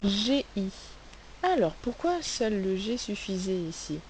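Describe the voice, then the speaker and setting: A woman teaching a phonics lesson, sounding out letters and syllables slowly and asking the class questions. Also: medium pitch, sing-song, a little mellow, rough recording. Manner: slow, carefully spelled-out sounds, asks questions. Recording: faint hiss.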